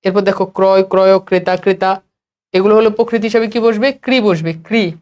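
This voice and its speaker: A man's voice: high-pitched, steady tone, brisk, darkish tone. A male teacher from Bangladesh giving an exam-prep grammar lesson, asking questions and answering them himself in a repetitive drill.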